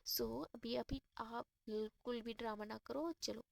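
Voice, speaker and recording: Woman voicing a calm, reassuring young woman. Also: on the high side, measured pace, creaky.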